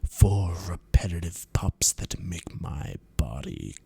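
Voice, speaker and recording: Reading a visual novel aloud to friends, a man plays around and slips in whispered running-gag asides. His voice sits low and creaky, moving slowly with big swings in pitch.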